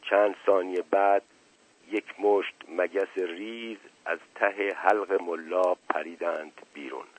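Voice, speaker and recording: A man narrating a scripted radio story in a measured, unhurried reading, heard on a lo-fi radio recording. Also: sits low.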